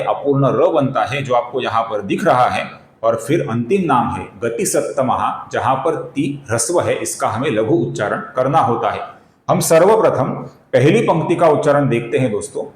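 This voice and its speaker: A man's voice: mid-range voice, expressive, roomy sound, poor audio. A man teaching correct pronunciation of a Sanskrit hymn, explaining each syllable and chanting the verse line by line. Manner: slow, deliberate, addresses viewers as friends. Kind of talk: step-by-step pronunciation lesson with chanted recitation.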